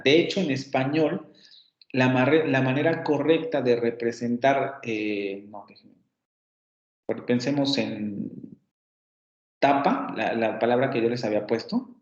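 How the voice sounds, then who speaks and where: A man with a Mexican Spanish accent giving a university phonetics lecture, explaining step by step, repeating example words aloud and correcting himself often. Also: mid-range voice. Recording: roomy, dull lo-fi sound.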